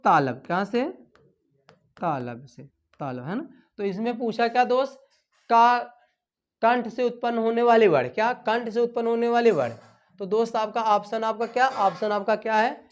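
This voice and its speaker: A woman with a slightly high voice leads an exam-prep lesson. She questions her students and repeats each answer back as a drill, her phrases trailing off quietly at the ends. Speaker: Hindi teacher.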